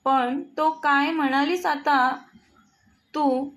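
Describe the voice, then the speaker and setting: A woman's voice: high-pitched, fairly even intonation, measured pace. Woman narrator doing a rich young husband: brooding, protective, orders people around. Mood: angry.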